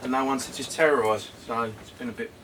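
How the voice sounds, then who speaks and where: A man's voice: mid-range voice, steady tone, fast talker, fairly bright tone. A man with a southern English accent chatting casually outdoors in the wind, rambling informally with some hesitation. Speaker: co-host. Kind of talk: casual vlog chat. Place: outdoors on a windy day. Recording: windy outdoor mic, noisy, distant.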